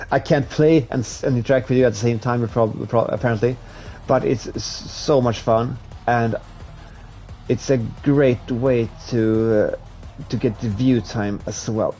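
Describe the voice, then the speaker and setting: Soft music plays behind a young man from Sweden who talks with his viewers while live-streaming a racing game. His mid-range voice with its Swedish accent moves a little slowly, and his easygoing chat wanders and restarts as he plays.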